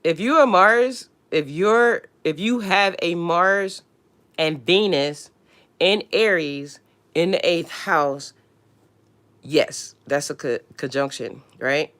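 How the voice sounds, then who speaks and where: A woman's voice: fairly low pitch, slow pace, a bit bright. A woman hosting a casual astrology livestream, answering viewer questions bluntly with slang and the odd swear word.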